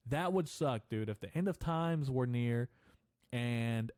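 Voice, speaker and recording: A man's voice: medium pitch, animated, takes it slowly, darkish tone, no room sound, clean studio sound. A young man hosting a casual solo podcast, rambling loosely with slang and swearing, with a slight stutter and lisp. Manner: loose and profane, slangy, meandering. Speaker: podcast host.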